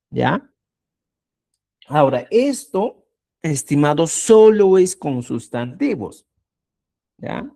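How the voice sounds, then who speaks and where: A man's voice: on the high side, vocal fry, dark tone. A man teaching a live online language lesson, explaining patiently and often checking in with short tag questions.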